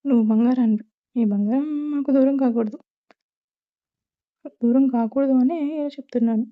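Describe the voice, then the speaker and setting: A woman reading as a caring middle-aged mother who talks to her son's young bride in a gentle, motherly way. The voice sits a little high, and the recording is thin and phone-like. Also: steady tone, normal speed, natural voice. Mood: reassuring. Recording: tinny phone-like sound.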